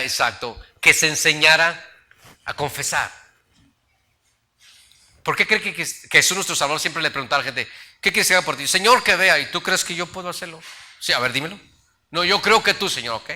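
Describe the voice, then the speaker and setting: Middle-aged preacher with a very bright tone, animated storyteller. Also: male voice, a little high. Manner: storytelling preacher, acts out voices in his anecdotes. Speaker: pastor. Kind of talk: sermon.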